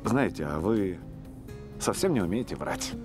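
A calm, attentive man in a natural melodrama style. His voice is low, with clearly audible music behind it. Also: unhurried. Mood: gently approving. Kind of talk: naturalistic television drama acting.

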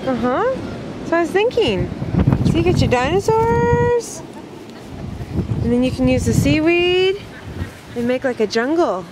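A woman filming a home video at the beach, coaxing a toddler in a gentle sing-song. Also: high voice, big pitch swings, measured pace, long pauses. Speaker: adult filming a child. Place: sunny beach outdoors. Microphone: camcorder mic, speaking from behind the camera. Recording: wind noise on a home camcorder.

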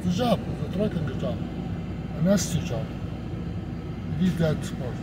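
A man filming from his truck cab, explaining flatbed tarping in a halting, explanatory way with many restarts. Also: a little high. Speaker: truck driver vlogger. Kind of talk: casual commentary while filming. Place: inside a truck cab in a yard. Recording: loud engine and yard noise.

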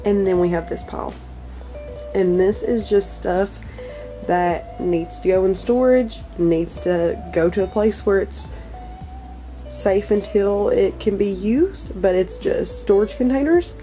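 A woman's voice: mid-range voice, dark tone. A young woman with a Southern US accent, chatting candidly and reassuringly to camera in her messy bedroom. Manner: candid, self-conscious and reassuring. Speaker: vlogger. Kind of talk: casual chat to camera. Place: cluttered bedroom indoors. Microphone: camera mic at close range.

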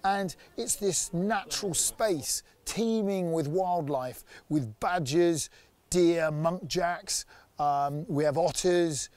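Speaking slowly in a slightly high, slightly mellow voice, a man in his forties directs an outdoor activity company and promotes it enthusiastically in an upbeat interview. He is in a sunny woodland on a lapel mic, with no room sound.

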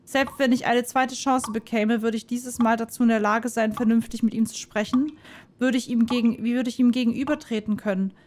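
A woman reading a visual novel aloud in first person, soft, reflective and dramatic. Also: on the high side, steady tone, a little fast. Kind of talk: expressive first-person game narration.

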